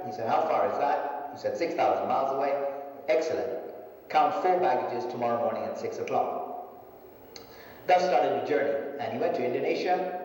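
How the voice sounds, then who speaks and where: A man in his fifties from a Sindhi family, raised in Hong Kong and Japan, telling his life story in a measured way. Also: mid-range voice, darkish tone. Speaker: management consultant giving a testimony. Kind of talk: personal testimony in a video. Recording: distant, very echoey video played in a hall.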